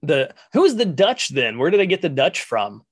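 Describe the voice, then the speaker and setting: A man's voice: a little high, big pitch swings, normal speed. A man hosting a podcast, chatting casually and rambling through a retelling with lots of fillers. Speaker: podcast host. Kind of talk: casual chat.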